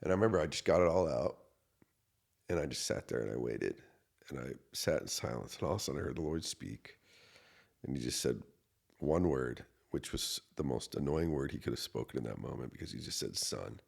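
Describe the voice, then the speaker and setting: A man in his thirties, a pastor, earnestly telling a personal story in a podcast interview, going from quiet to loud. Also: very deep voice, lively intonation, a little fast, vocal fry. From United States. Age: 30s. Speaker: associate pastor.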